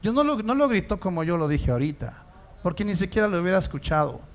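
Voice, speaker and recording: A pastor preaching a sermon in church, asking the congregation rhetorical questions and rising to emphatic stresses. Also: male voice, high voice, sing-song, fast talker.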